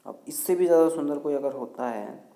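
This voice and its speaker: A man's voice: on the high side, dark tone. Indian man teaching English, echoey room. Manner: explains step by step, repeats each English sentence slowly. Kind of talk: casual spoken English lesson.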